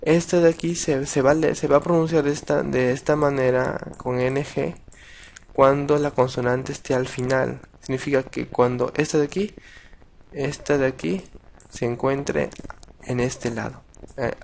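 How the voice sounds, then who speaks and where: A man teaching a casual video lesson, patient and halting, with many restarts and repeated words. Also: mid-range voice, fairly even intonation, vocal fry, darkish tone, slight background noise. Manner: patient, addresses viewers directly. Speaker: language teacher.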